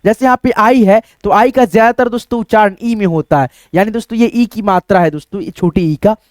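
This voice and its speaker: A man's voice: high-pitched, brisk, dry recording, studio quality. Man spelling English words in a patient lesson. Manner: spells words letter by letter, repeats them, addresses viewers as friends; patient, repetitive. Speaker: English teacher. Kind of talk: spoken phonics lesson at a board.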